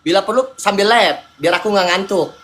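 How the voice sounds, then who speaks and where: A man's voice: sits high, fairly quick, background noise. A man hosting a livestream, answering his partner in a placating, half-joking way and repeating soothing words. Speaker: livestream host. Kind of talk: livestream argument and chat.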